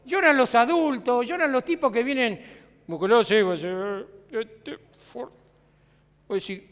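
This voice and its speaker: Argentine pastor guy preaching casual, really high voice, reverby church hall. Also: a little slow, fairly bright tone. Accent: Rioplatense Spanish. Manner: conversational preaching with rhetorical questions and acted quotes. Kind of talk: sermon. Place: church sanctuary.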